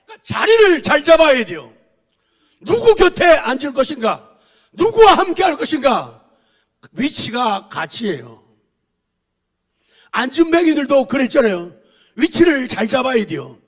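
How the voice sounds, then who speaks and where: A man preaching a sermon with emphatic repetition, swinging between loud declarations and quiet, intimate asides. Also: very high-pitched. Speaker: pastor.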